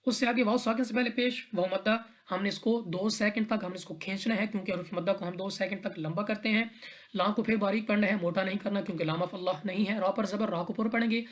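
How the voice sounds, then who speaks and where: A woman's voice: medium pitch, fairly even intonation, fast talker. Patient woman teaching Quran recitation rules. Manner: patient, step-by-step, repeats rules and checks in with "theek hai". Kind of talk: tajweed lesson explaining recitation rules.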